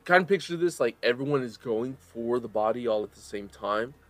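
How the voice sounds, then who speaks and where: A man narrating a tabletop role-playing game as game master, telling the scene dramatically with pauses between phrases. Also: mid-range voice, expressive.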